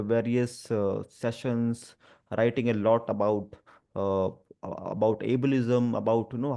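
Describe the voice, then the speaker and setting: A man with an Indian accent speaks as an advocate, sharing his lived experience conversationally. His medium-pitched, dark-toned voice carries a stammer with repeated sounds and blocks, and his phrasing is hesitant, halting, and earnest.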